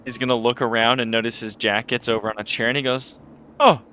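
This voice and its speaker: A man playing a tabletop game, telling his character's actions in a relaxed, storytelling way. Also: mid-range voice, quick pace, slight background noise. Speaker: player.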